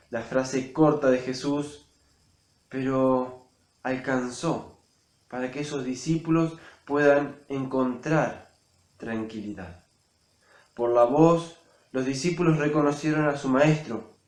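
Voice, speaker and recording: A man giving a sermon reflection, storytelling with expressive swells and drops in loudness. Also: mid-range voice, echoey room. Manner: expressive, rising and falling loudness for emphasis. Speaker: preacher.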